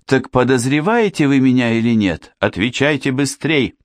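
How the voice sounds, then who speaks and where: A man's voice: medium pitch, moderate pace, no room sound, pitched above the performer's own voice, lightly acted. A man voicing a melodramatic young woman. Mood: insistent. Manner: melodramatic, insistent. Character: theatrical young woman, dramatic and pleading.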